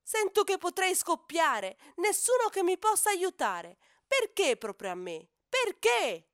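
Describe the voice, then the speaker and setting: A woman voicing a grumpy, quick-tempered young male hippo calf who shouts in frustration. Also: very high-pitched, very animated, no room sound, studio quality, voice pushed up, exaggerated voice. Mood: exasperated.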